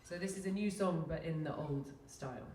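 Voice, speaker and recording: A woman from London, a singer-songwriter, chatting to a live audience between songs in a relaxed way, with plenty of ums and likes, while nursing a sore throat. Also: deep voice, normal speed. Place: small live music venue. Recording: roomy live room, voice from a distance, instrument behind.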